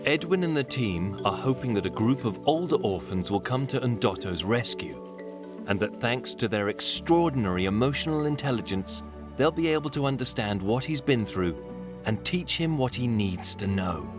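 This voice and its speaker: A man narrates a nature documentary from a script. His mid-pitched voice moves in a lively, varied range, with clear music playing behind it. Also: normal speed.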